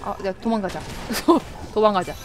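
A woman streamer chats excitedly through a game she is playing live, with a high voice that leaps up and down. She yelps and laughs as the action swings. Loud game music plays underneath. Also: unhurried. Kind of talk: live gameplay commentary.

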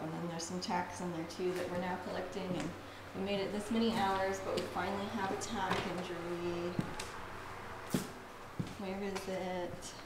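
A woman's voice: medium pitch, heavy background noise. A woman in her thirties chatting playfully while she renovates an empty house, filming herself with a handheld camera. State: tired from work. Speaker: home renovation vlogger. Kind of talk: casual vlog narration. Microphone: handheld camera held close. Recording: echoey empty room with music.

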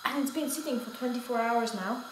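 Young woman, slightly high voice, chatty home vlogger talking while she cooks, pots clattering in a roomy kitchen. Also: brisk, very noisy. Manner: chatty, self-correcting, talks while working. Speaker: homestead vlogger. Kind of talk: casual home vlog. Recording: echoey kitchen with dish clatter.

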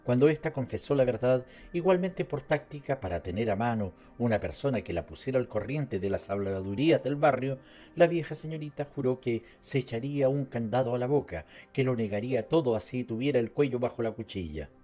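A man with a Latin American Spanish accent narrating an audiobook in a measured, steady reading. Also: mid-range voice, soft background music. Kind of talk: scripted narration.

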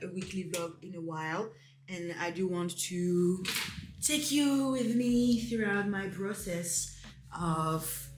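A young woman with a lowish voice chats casually to camera in a vlog, rambling and self-deprecating, with lots of fillers. The recording is low quality and sounds roomy.

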